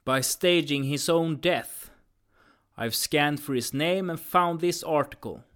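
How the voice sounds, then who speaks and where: A man's voice: fairly high pitch, takes it slowly, a bit bright, clean tone. A man playing a firm, businesslike commander of a time-travel agency in an audio drama.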